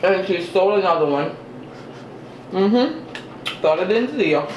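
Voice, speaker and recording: A mid-range, lively, slightly mellow voice chats unhurriedly while eating on camera, and the audio is dull. The vlogger is chatty and self-deprecating, chewing and saying mm-hmm, in a roomy recording with faint ambient noise.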